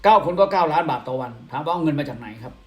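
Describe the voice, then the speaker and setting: An online commentary host, a man, talks straight to his viewers, firing off questions and answering them himself. His voice sits a little high, and the recording carries a roomy echo. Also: expressive, racing, dull audio. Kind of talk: animated political commentary to viewers.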